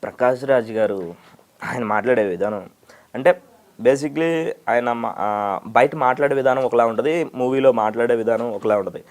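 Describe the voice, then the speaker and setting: A man's voice: medium pitch, moderate pace, long pauses. A man being interviewed as a mimicry artist, explaining his imitations in an easygoing way. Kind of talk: casual interview chat.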